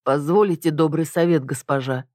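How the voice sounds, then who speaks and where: A woman voicing a calm, respectful young male cat-dragon servant in an audiobook, speaking quietly and patiently. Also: low-pitched, brisk, no echo, clean studio sound, natural voice. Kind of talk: audiobook character voice.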